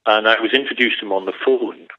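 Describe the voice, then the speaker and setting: A man's voice: lowish voice, fast, sharp tone. A man in his sixties, an interview guest, telling a wry, rambling story and correcting himself as he goes. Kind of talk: relaxed anecdotal storytelling. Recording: tinny phone-line sound.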